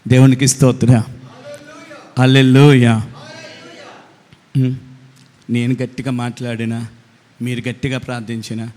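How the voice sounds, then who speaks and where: A man preaching a sermon as pastor, swinging from quiet asides to shouted refrains. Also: mid-range voice, flat delivery, a little slow, long pauses, in a large hall.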